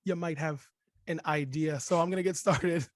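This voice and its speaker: A young man hosting a casual podcast with a scratchy, hoarse voice from a cold, griping and sarcastic. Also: a little high, normal speed, no room sound. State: sick with a cold, lost voice. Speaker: podcast host.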